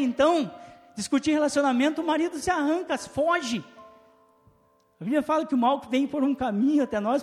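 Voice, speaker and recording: A man's voice: very high voice, in a large hall. A man with a Brazilian Portuguese accent preaching a sermon in a church, full of rhetorical questions and call-and-response with his listeners. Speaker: pastor. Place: church hall.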